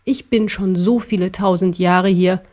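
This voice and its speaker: A woman voicing an arrogant, cruel ancient emperor in an audiobook, speaking slowly and scornfully. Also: on the low side, fairly even intonation, a little mellow, close to an everyday voice. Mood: gloating. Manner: slow, scornful and gloating. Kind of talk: audiobook character voice.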